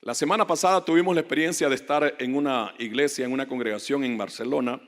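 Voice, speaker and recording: A man preaching a fervent sermon as a guest pastor, rising to loud emphatic peaks. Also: medium pitch, fast talker. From Latin America. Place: church hall. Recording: echoey church hall reverb.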